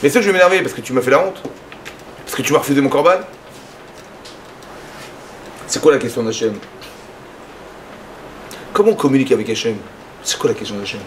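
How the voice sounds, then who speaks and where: A man giving a lively sermon as a rabbi, acting out little dialogues in his talk. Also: fairly quick, pauses often, slight background noise. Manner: animated, acts out dialogues with rising pitch.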